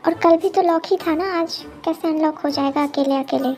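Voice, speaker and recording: Feisty young assistant girl, voiced by a woman, bright high pitch, argumentative, exclaiming. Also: fairly even intonation, normal speed. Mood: irritated. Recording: faint music behind.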